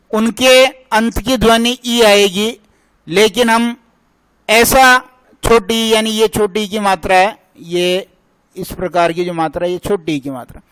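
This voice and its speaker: A man teaching a grammar lesson in a slow, deliberate voice that sounds crisp and resonant. His pitch sits high for a man. He asks a question and answers it himself to drill each point, recorded dry and close. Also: fairly bright tone, no room sound, poor audio.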